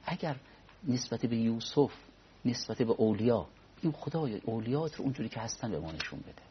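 A man speaking as a cleric guest on a religious talk program, explaining in a measured way and quoting Arabic prayers. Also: mid-range voice, highs cut off, slight background noise. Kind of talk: religious discussion.

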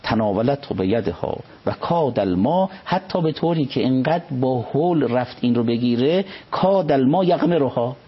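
A man, a religious scholar, reciting Arabic passages and explaining them in an unhurried conversational commentary. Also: mid-range voice, animated, slightly rough. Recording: dull lo-fi recording.

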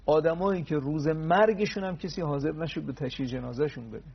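A man with a gravelly, husky voice, pitched a little above average, recounts religious anecdotes and plays out their dialogue. The audio is dull and lo-fi, like an old broadcast. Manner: tells anecdotes with quoted dialogue and pious honorifics. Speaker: religious speaker on a TV program. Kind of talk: storytelling religious talk.

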